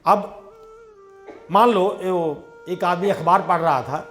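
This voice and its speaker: A satsang preacher with a high voice gives a devotional sermon at a slow pace, his tone fairly bright. He tells everyday parables conversationally, acting out the dialogue in his own voice, with soft music in the background.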